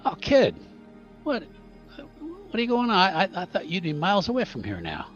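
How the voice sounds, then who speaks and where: A man voicing a gruff, kindly older roadhouse worker with a folksy drawl. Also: high-pitched, huge pitch swings, moderate pace, fairly bright tone, muffled recording, faint music behind, voice pushed up, heavily acted. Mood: surprised.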